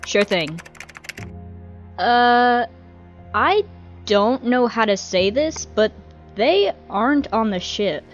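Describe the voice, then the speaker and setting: A woman's voice: on the high side, animated, slow pace, pauses often, highs cut off, soft background music. A woman voicing a young tech-savvy girl pilot in a fan comic dub, hesitant but matter-of-fact. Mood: worried.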